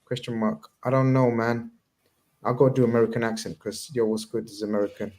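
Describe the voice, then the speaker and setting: A man's voice: mid-range voice, flat delivery, brisk, a little mellow. A man hosting a casual chat, talking in a rambling way with slang and many restarts. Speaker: podcast host.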